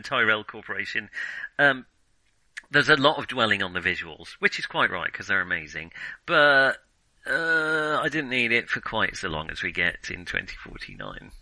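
On a casual film review podcast, a male co-host speaks hesitantly and keeps circling back to rephrase his points. His voice is medium-pitched, pushed and bright. The recording is rough, though there is no echo.

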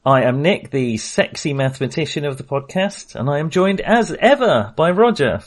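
A middle-aged podcast host chats casually about films, joking and poking fun at himself. His fairly high voice swings widely in pitch at a normal speed.

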